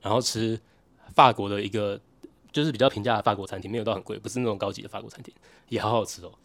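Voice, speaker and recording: A man's voice: fairly low pitch, fairly even intonation, rapid-fire, fairly bright tone, no room sound. A young man from Taiwan with a Taiwanese Mandarin accent, chatting casually as a podcast co-host in a wry, jokey, complaining way. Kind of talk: casual chat.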